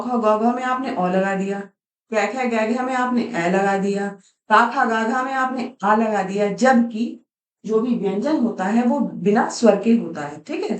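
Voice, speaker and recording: A woman's voice: a little high, darkish tone. A woman teaching Hindi pronunciation, patiently explaining each letter step by step. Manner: patient, explains step by step, often says "ठीक है". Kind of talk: blackboard lesson on pronunciation. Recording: echoey room, voice from a distance.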